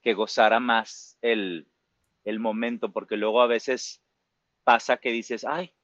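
In a casual interview, a musical theater performer from Mexico, in his forties and with a Mexican Spanish accent, reflects aloud, using plenty of fillers and tag questions. He speaks slowly at medium pitch with fairly even intonation and a fairly bright tone; the recording is dry and lo-fi.

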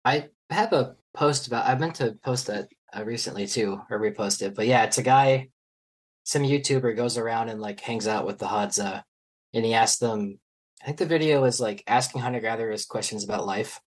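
A man with a husky, breathy voice talks as a podcast guest. He rambles loosely, leaning on fillers and letting sentences fade out softly. It feels like an easy, unscripted chat. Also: mid-range voice, moderate pace, low-quality recording. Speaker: guest anthropologist. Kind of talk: casual podcast conversation.

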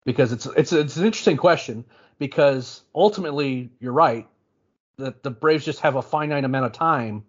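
A man's voice: medium pitch, normal speed, husky. Muffled podcast co-host, man. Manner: conversational, restarts often, thinks aloud. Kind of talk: casual sports podcast talk.

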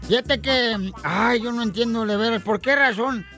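A man with a Mexican accent hosting a joking radio show, loud and playful with listeners. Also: very high voice, normal speed, faint music behind. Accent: Mexican Spanish. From Michoacán, Mexico. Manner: playful, loud, jokey, calls listeners "papuchón".

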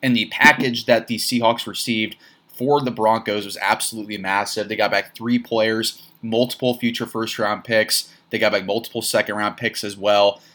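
Fired-up man hosting a sports podcast. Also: on the low side. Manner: animated, rapid reactions with repeated phrases and laughing asides. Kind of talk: solo sports podcast commentary.

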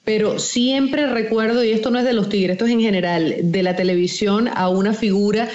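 A woman's voice: mid-range voice, fairly quick, a little mellow, lo-fi sound. A Venezuelan woman, a sports journalist guest, telling her story in an interview with frequent fillers. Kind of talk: conversational interview.

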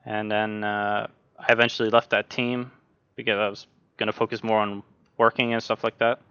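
A man's voice: on the low side, clear, resonant tone, no room sound, lo-fi sound. A young man from Norway, a sim racing driver, talking casually as a podcast guest with lots of fillers and restarts. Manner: relaxed, halting, many fillers and restarts.

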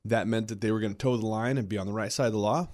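A man's voice: on the low side, fairly even intonation, rapid-fire, darkish tone. Easygoing man giving legal advice. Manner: easygoing, explains by talking it through, many "you know" and "right?". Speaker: elder law attorney and show host. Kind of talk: casual radio chat, giving advice.

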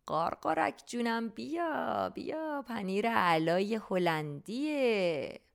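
A woman's voice: medium pitch, sing-song, vocal fry. A woman voicing a sly, scheming male dairy shopkeeper in a storybook reading, coaxing and crafty.

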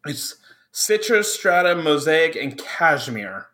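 Bright-voiced frat-bro man. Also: on the high side, big pitch swings, slow pace. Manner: frat-bro talk, crude and profane. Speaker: podcast co-host. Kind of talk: casual banter among friends.

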